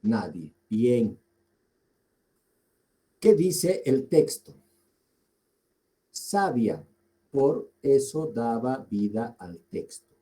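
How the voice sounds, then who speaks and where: Male lecturer, Bolivian Spanish accent, very unhurried delivery, dark warm tone; deliberate, repeats for emphasis. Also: medium pitch, sing-song, low-quality recording. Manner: deliberate, repeats key words, asks the class questions. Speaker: teacher. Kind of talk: slow classroom lecture.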